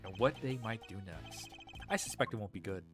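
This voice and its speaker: A man's voice: fairly low pitch, lively intonation, fairly quick, music in the background, voice pushed down, close to an everyday voice. Man reading as a grave, formal prosecutor. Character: composed, formal male prosecutor.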